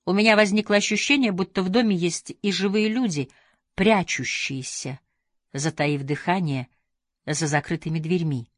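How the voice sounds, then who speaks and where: A woman reading a novel aloud as audiobook narration, measured and even. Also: fairly low pitch, dry recording, clean studio sound. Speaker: audiobook reader. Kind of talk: scripted narration.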